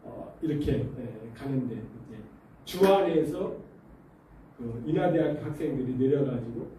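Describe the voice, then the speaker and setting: A man's voice: medium pitch, measured pace, distant mic, a little hiss or hum. A male pastor preaching a sermon in a church, telling stories and throwing questions at the congregation. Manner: animated storytelling with rhetorical questions to the congregation. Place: church sanctuary. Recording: very echoey church hall, voice off-mic.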